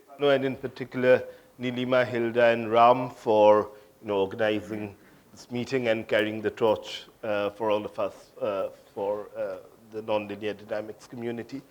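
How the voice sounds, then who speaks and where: A man's voice: fairly low pitch, little pitch movement, moderate pace. A man from India giving an academic conference talk on physics, hesitant, with many fillers and restarts. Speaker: physics lecturer.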